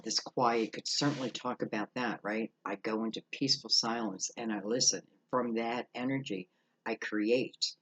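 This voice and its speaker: A man giving an unscripted, mystical horoscope tarot reading, musing aloud with halting pauses and rhetorical questions. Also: lowish voice, a bit bright, husky, low-quality recording. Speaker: tarot card reader.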